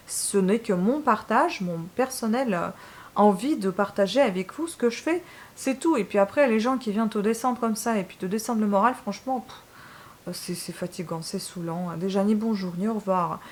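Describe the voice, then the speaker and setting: A Ukrainian woman hosts a book channel, speaking French with a Ukrainian accent in a casual vlog monologue directly to her viewers. Frank and a little exasperated, she uses lots of fillers and restarts, in a mid-range voice.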